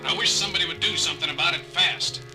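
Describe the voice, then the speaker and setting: A man's voice: fairly high pitch, quick pace, lightly acted, low-quality recording. A man playing a harried, blunt starship doctor under strain in a 1970s science fiction audio drama. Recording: 1970s drama record with music.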